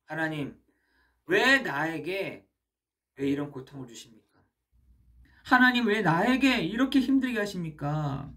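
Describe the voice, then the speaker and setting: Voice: medium pitch, brisk, lightly acted. A preacher voicing a despairing young man who pleads and complains to God in a raised voice, as an acted quote within a sermon. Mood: anguished pleading.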